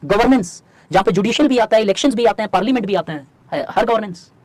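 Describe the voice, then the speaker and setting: A man teaching an online exam-prep class. He talks fast, asks the students rhetorical questions, and slows right down to dictate lines for them to write. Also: high-pitched, lively intonation, a little mellow, no echo. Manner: fast in Hindi, slow dictation in English. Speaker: civil services exam teacher.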